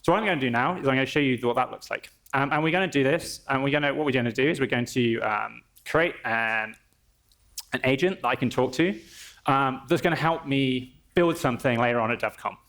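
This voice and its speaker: A man's voice: mid-range voice, fairly quick, a bit bright. Man explaining a live tech demo. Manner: conversational and explanatory, with frequent restarts. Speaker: engineer presenting a product demo. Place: conference stage.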